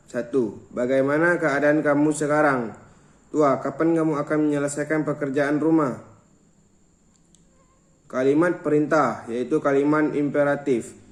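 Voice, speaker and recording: A young man reads a grammar lesson from his notes, counting off each point. His voice sits a little high. The room around him is bare and echoey. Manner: stumbles and restarts words. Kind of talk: reading a grammar lesson aloud.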